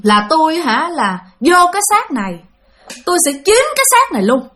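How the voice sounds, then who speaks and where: A vengeful female spirit, as a woman storyteller puts her on, talks in a high, menacing voice with a Southern Vietnamese accent. Her pitch leaps about, and her threats come out raised and insistent. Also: sing-song, moderate pace, bright, forceful tone, heavily acted. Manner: menacing, defiant claims. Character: vengeful female ghost possessing an older woman.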